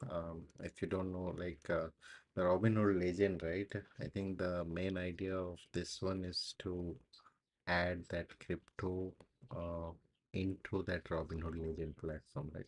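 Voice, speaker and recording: Male live-stream host, very low, flat voice, casual halting commentary. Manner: halting, filler-heavy explaining.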